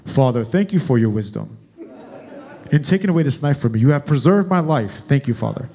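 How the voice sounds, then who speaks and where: A man's voice: medium pitch, animated, brisk, warm tone, pitched below the performer's own voice, lightly acted. A man voicing a small boy who thanks his father in a grave, overly formal manner. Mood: solemn. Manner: pompous mock-solemn.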